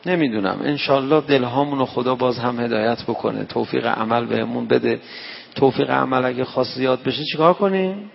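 A man's voice: mid-range voice, steady tone, creaky, slightly rough. A man from Tehran with a Tehran accent, giving a night-prayer sermon in a folksy, conversational way and acting out the dialogue of his anecdotes. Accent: Tehran Persian. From Tehran, Iran. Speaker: preacher. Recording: echoey dull hall recording.

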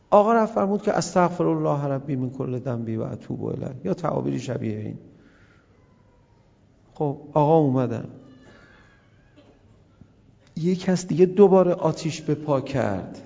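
Gravelly dark-voiced guy preaching a story sermon, acts out the voices, dull recording, long hall echo. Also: a little high. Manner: acts out quoted voices, swings between loud and hushed.

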